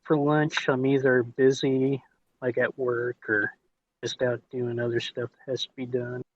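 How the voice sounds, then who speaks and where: A man's voice: medium pitch, completely flat delivery, unhurried, no echo. Man with hillbilly twang, lo-fi sound. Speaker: podcast co-host. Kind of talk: casual chat. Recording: dull, lo-fi voice line.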